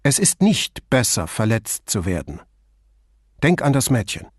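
A blunt middle-aged police commissioner talks firmly and reasons things through, as the male narrator plays him. His voice sits at an ordinary male pitch. The recording is dry and close. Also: sing-song, unhurried, husky, no echo. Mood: stern. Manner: firm and reasoning.

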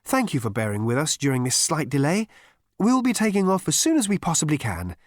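A man's voice: on the high side, very animated, fairly quick, dry recording, studio quality, pitched above the performer's own voice. A man voicing a prim, polite female android stewardess in a storybook reading. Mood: sweetly polite. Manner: sweet, patiently courteous.

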